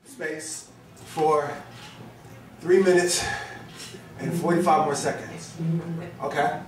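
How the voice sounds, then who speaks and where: Speaking slowly in a fairly high, fairly even voice, a middle-aged New Jerseyan with a New Jersey accent does spoken word in a small brick-walled bar lounge indoors, trading loose, profane jokes with the crowd. A distant camera picks up his stand mic, so the sound is roomy, with faint music, audience ambience, and laughter behind him.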